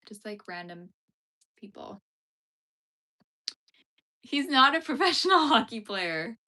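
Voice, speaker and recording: A young woman's slightly high, sharp-toned voice comes across very animated yet slow as she crochets on a casual live stream. Using a phone streaming vertically, she reads her chat aloud, laughing often and dropping in many fillers.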